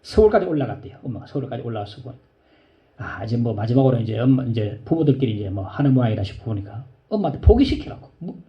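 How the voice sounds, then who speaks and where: A male pastor preaching a sermon, telling a story in a low voice and rising to high, pleading cries. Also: sing-song, fast talker, highs cut off.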